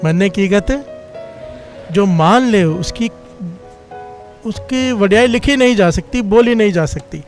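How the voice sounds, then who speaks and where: A man's voice: high-pitched, a little mellow. A man giving a Sikh sermon, telling a story and leading a repeated refrain. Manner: repeats a call-and-response refrain between points; chants scripture lines slowly. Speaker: Sikh preacher.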